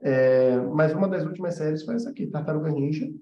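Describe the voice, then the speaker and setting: He talks fast, with a warm, fairly high voice and a Brazilian Portuguese accent. As an animation teacher and mentor running a relaxed livestream lesson, he explains conversationally and keeps checking on his audience. Sound is echoey, dull and muffled.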